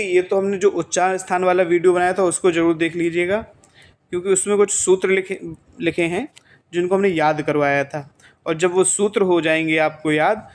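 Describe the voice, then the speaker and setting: A male teacher giving an exam-prep grammar lesson, who asks the class questions, answers them himself and repeats the key points. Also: sits high.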